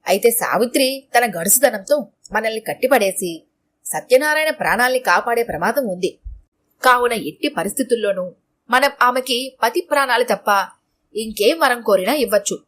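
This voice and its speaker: A woman's voice: fairly high pitch, animated, moderate pace, fairly bright tone. A woman voicing a stern male god of death, commanding and theatrical.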